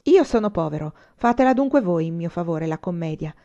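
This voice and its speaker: A woman voicing a proud, touchy young male student who speaks lively and sometimes haughtily, in a storybook reading. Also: fairly low pitch, a little fast. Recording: slightly muffled recording.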